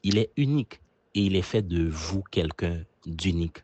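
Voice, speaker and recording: Very deep, husky Haitian man. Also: a little mellow, no room sound. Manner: earnest, measured, with occasional fillers. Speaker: teacher and journalist. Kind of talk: prepared personal testimonial.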